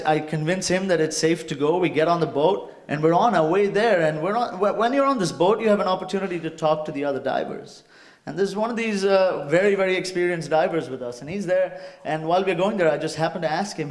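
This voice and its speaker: Guy from india telling a story on stage, bit high voice, echoey hall, acts it all out. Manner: animated, acts out suspense with sound effects. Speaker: speaker. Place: stage before a live audience.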